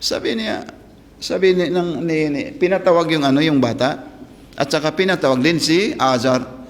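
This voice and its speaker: A man's voice: fairly high pitch, normal speed, long reverb tail. A man preaching a religious story in a rambling way, often asking his listeners "ha?" and mixing in Arabic phrases.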